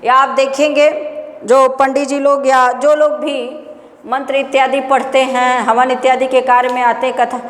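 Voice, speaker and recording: A woman's voice: sits high, flat delivery. A woman teaching Sanskrit grammar for an exam-prep class, asking questions and answering them herself, sometimes drawing out sounds in a chant. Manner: drawn-out chanting of example sounds. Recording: echoey room with long reverb.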